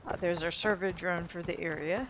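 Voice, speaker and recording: With video game music and noise behind her, a female gaming video host talks at a normal speed in a lowish, fairly even voice. Her casual walkthrough commentary wanders as she thinks out loud.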